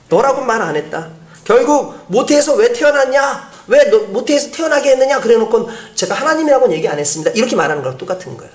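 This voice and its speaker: A man preaches in a lively, fast-moving sermon, his pitch swinging widely as he acts out the voices he quotes. The sound carries the echo of a church room. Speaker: pastor. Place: church sanctuary.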